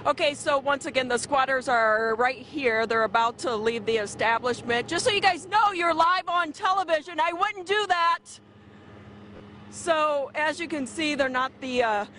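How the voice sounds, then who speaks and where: An American woman reports live from outdoors with a high voice. She speaks off the cuff as a field reporter, with clear street noise around her. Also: normal speed, pushed and bright. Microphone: handheld reporter microphone.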